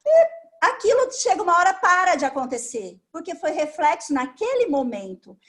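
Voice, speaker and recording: A woman's voice: very high-pitched, big pitch swings, normal speed. A Brazilian woman with a Brazilian Portuguese accent, a speech therapist guest explaining things patiently, step by step, in an interview.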